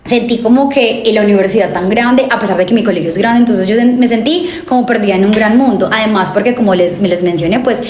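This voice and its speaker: A woman's voice: mid-range voice, fast, hardly any pauses, crowd noise. Young Colombian woman telling her story. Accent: Colombian, coffee region. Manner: animated storytelling with many fillers and self-corrections. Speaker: guest, tourism graduate. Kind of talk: conversational interview. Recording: echoey room with faint ambience.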